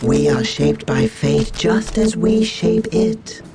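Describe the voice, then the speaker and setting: A man's voice: on the high side, animated, slow pace, gravelly, very noisy, heavily acted. A man playing a solemn, serene alien mystic builder in a video game, with lofty, formal phrasing. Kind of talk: scripted video game unit voice lines. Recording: game audio under loud music.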